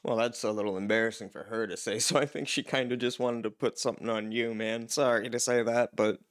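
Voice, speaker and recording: A man's voice: medium pitch, steady tone, fairly quick. A young man from Canada chatting casually as he reacts to a show, wondering aloud and laughing between remarks. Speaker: reaction video host.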